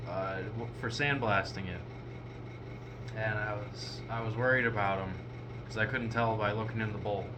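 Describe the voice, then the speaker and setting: A man's voice: on the low side, fairly even intonation, normal speed. A man talking casually to his viewers as a hobbyist vlogger, rambling in a hesitant, plain-spoken way. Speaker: hobbyist pipe maker and video host. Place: small unfinished workshop shed. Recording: noisy shed with mechanical hum.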